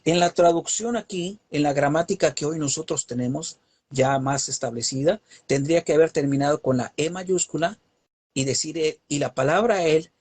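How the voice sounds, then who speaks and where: A man's voice: a little high, normal speed, a little mellow. A man teaching a Bible lesson, preaching with an emphatic, rising cadence and rhetorical questions.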